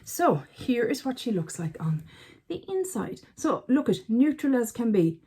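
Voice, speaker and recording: A woman's voice: fairly high pitch, big pitch swings, a little slow, mellow, slightly rough. A woman chatting casually to camera as a beauty vlogger, chatty and self-mocking, often talking to herself. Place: at home by a counter.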